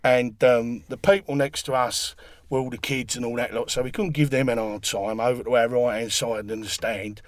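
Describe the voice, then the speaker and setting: A man's voice: mid-range voice, fairly even intonation, normal speed, dry recording. A man in casual football chat, rowdy and jokey, swearing freely. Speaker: football fan pundit.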